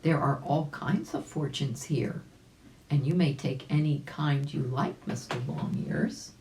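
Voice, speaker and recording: Playing a sly, boastful storybook bear, a woman reader coaxes its prey in a slow, low, darkish voice that rises and falls, turning harsh when revealed. The low-quality recording is reverberant, with a little hiss or hum.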